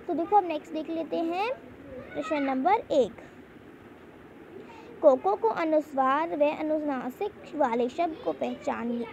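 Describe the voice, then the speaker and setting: A woman's voice: high-pitched, darkish tone. A young woman teaching a Hindi lesson to children online, often repeating points and checking in with "theek hai". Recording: slightly dull home recording, faint hiss.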